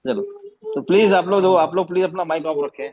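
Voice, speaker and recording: A man's voice: sits high, a little fast, muffled recording. Man teaching Quran recitation online. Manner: explains patiently, repeats terms and demonstrates recitation. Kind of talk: online class lesson. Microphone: video call.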